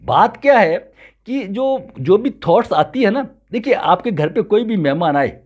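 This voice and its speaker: A man's voice: sits high, animated, unhurried, a little mellow. A man from Rajasthan, a yoga teacher, giving a spiritual lecture and reciting Sanskrit verses. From Rajasthan, India.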